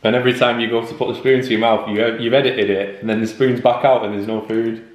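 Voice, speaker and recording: A man's voice: medium pitch, little pitch movement, fast talker, muffled recording. A man chatting casually, talking in an encouraging, matter-of-fact way. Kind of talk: casual chat. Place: bright open kitchen, indoors. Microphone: camera on the table. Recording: echoey room.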